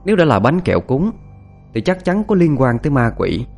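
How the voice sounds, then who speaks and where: A man narrating a first-person ghost story in a hushed, suspenseful, expressive way. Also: mid-range voice, a little fast, vocal fry, faint music behind.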